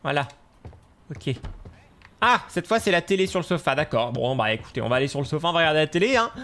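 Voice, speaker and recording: A man giving excitable gameplay commentary, yelping and gasping at scares and scolding the game's baby. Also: a little high, fast talker. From France. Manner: animated, shouts and gasps at scares, scolds the game baby. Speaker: gaming youtuber.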